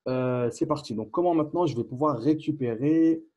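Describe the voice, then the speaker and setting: A man giving a casual screencast programming lesson, thinking aloud with fillers and quick asides as he types. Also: a little high, warm tone, muffled recording. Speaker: programming instructor. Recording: faint keyboard clicks behind.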